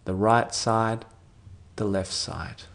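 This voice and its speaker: A man narrating a guided sleep meditation in a soothing sleep-story manner, with gentle phrases that trail off softly and long pauses between them. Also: on the low side, level tone, gravelly.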